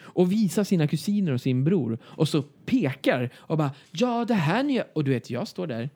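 A young man spins a comic tale for his podcast co-hosts. His voice sits a bit high, and it jumps higher still when he acts out his own words. He laughs often as he goes. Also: animated, warm tone. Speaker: podcast co-host. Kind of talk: casual comic storytelling.

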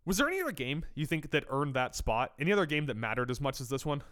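A man co-hosts a sports podcast, running through the games with wry asides. His voice is bright and has a forceful edge, and his pitch rises and falls a lot as he talks. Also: very animated, smooth. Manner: wry, quick rundown of games. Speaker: podcast co-host. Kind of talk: casual sports chat.

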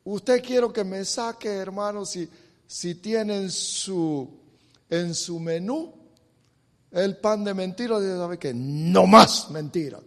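A man preaching an emotional sermon, swinging from soft talk to loud, fervent scripture reading. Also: sits high, slow. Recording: long hall reverb.

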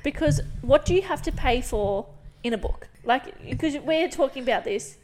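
A woman's voice: high voice, lively intonation, normal speed, darkish tone, a little hiss or hum. A woman talking casually about a romance novel, blunt and chatty, now and then swearing. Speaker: book podcast co-host. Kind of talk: casual book discussion.

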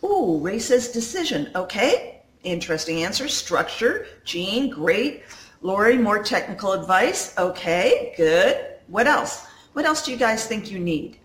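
A woman's voice: mid-range voice, sing-song, a little slow. A woman coach hosting a live stream in natural, unscripted, conversational talk, addressing viewers directly, recorded indoors on a phone. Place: indoors at home in a condo. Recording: roomy, echoey sound.

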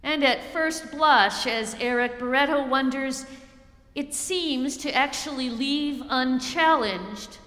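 A middle-aged woman pastor delivers a sermon in a long, ringing church hall. Her voice is slightly high and bright, and she slows down to lean on the phrases that matter. The echo of the sanctuary hangs after each line. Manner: measured, slows to stress key phrases.

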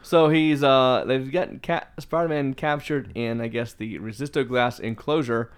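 A man narrating a comic in a casual, comedic read-along, with halting fillers between panels. His voice is smooth and clear at a middle pitch. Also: steady tone. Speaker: podcast host reading a comic.

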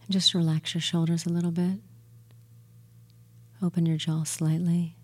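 A woman guiding a relaxation and hypnosis session in a soothing, gentle, soft murmur that is breathy and near a whisper at times, with long pauses. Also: lowish voice, flat delivery. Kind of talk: guided meditation and hypnosis induction.

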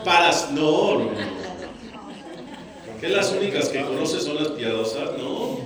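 A male rabbi teaching a Torah class and quizzing his audience with lively questions. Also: a little high, a little slow, a crowd in the background. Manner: asks the audience questions, animated. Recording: echoey room, mic far off.

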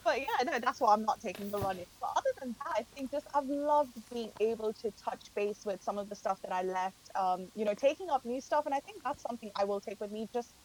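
A woman's voice: fairly high pitch, expressive, fast, hardly any pauses, a little mellow, poor audio. A young woman hosting a casual chat, encouraging and asking questions. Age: young adult. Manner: chatty, encouraging, asks questions. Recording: faint hiss.

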